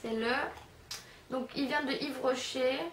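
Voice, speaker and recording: A woman's voice: high-pitched, fairly even intonation, a little slow, noisy background. Chatty young woman in an echoey room. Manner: chatty, rambling, self-mocking, many fillers. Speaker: beauty vlogger. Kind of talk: casual product review vlog. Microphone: camera's built-in mic. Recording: echoey room, voice a bit far from camera.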